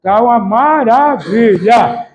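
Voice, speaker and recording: A man's voice: extremely high pitch, expressive, slow pace, poor audio. A man preaching a casual, colloquial sermon as a pastor, chatting and acting out everyday speech. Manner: colloquial, chatty, mimics family members' voices. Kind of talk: informal sermon.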